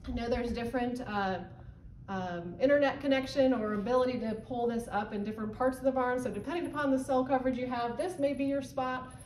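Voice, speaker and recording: Her fairly high, darkish voice moving a little fast, a volunteer trainer explains a barn board, pointing at a whiteboard with frequent ums in an instructional walkthrough. She's indoors in a barn office with a wood-paneled wall. The recording is roomy and slightly distant, with faint ambience and a little hiss or hum.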